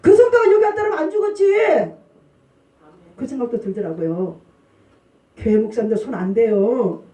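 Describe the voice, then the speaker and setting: Woman pastor, high mellow voice, echoey distant church sound, call-and-response sermon. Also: moderate pace. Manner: lively call-and-response preaching, asks congregation. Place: church sanctuary. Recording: roomy church hall, distant mic.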